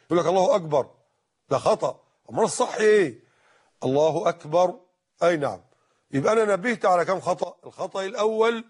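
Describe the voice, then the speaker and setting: A man with an Egyptian accent giving a religious lesson, correcting pronunciation and admonishing his listeners. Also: sits high. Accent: Egyptian Arabic. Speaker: religious teacher. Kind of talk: religious lesson explaining hadith.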